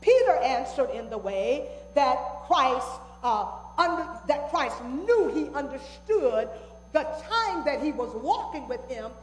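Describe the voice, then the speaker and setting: A woman's voice: sits high, sing-song, slow pace. A woman pastor preaching a sermon, repeating words for emphasis as her delivery rises and falls. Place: church sanctuary. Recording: echoey church hall.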